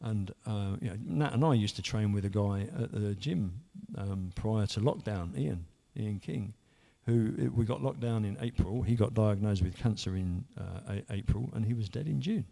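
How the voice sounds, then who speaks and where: A man in his 50s, a church member giving a personal testimony, tells his own story earnestly but in a rambling way, with many restarts. His voice sits on the low side at a normal speed, with vocal fry, a dark tone and hardly any pauses.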